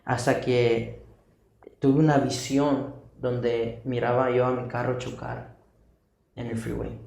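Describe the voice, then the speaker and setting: A man's voice: medium pitch, little pitch movement, slow, gravelly, a little mellow. A young man giving an earnest personal testimony, recounting events vividly with repetition. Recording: distant echoey room mic.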